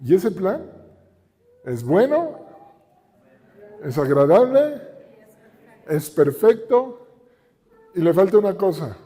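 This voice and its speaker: A man's voice: high-pitched, big pitch swings, takes it slowly, long pauses, warm tone. A middle-aged man with a Mexican Spanish accent, preaching a sermon with emphatic repetition and rhetorical questions. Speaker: pastor. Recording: reverberant hall.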